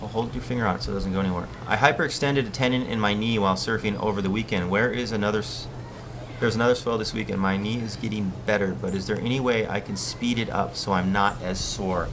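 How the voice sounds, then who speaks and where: A man from Hawaii hosts a casual surf live stream, chatting and answering viewers' questions in a relaxed way. His voice sits low. A faint outdoor ambience runs under it. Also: quick pace, noisy background.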